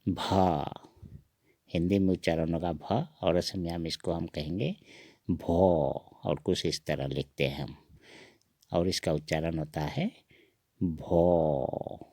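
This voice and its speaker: A man teaching the sounds of an alphabet, repeating each one slowly and several times. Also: deep voice, a little mellow, no echo, studio quality. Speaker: language teacher. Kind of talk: recorded alphabet lesson.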